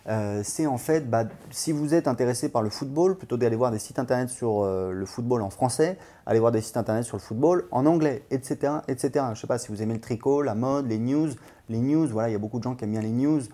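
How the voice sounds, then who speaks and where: A man's voice: medium pitch, quick pace, warm tone. A man hosting a language-learning channel, talking casually and enthusiastically, with many hesitations and fillers. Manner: rambling, full of hesitations and fillers; enthusiastic, recommending. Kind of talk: casual vlog talk.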